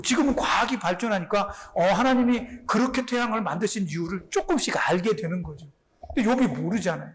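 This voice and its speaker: A middle-aged male pastor giving a conversational sermon, acting out prayers and quotes with feeling. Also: high-pitched.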